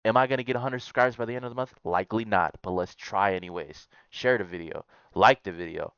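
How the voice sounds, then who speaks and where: A man doing casual reaction commentary on online posts, blunt and profane, breaking into loud outbursts. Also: on the low side, fast talker, clean tone, dry recording, dull audio. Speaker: YouTuber reacting to Reddit posts.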